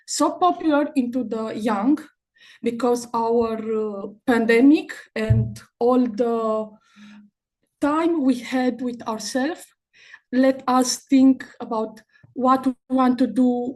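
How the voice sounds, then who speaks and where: Young woman, video call, conference talk, high-pitched, slow, hesitant with fillers. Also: a little mellow, poor audio. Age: young adult. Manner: hesitant, many uh fillers and restarts. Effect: remote speaker on a video call. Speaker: master's student presenting a thesis. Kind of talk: conference presentation.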